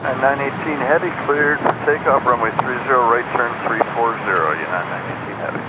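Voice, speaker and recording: A man's voice: mid-range voice, fairly quick. A male pilot speaking over a cockpit headset radio, giving clipped readbacks of air traffic instructions. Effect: cockpit headset radio transmission. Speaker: airline pilot. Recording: muffled radio with heavy static and engine noise.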